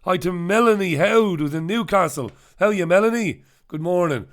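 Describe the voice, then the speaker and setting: A man's voice: sits high, lively intonation, moderate pace. A man with a head cold, hosting a casual live stream where he reviews the newspapers, with sardonic, jokey asides. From United Kingdom. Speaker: host.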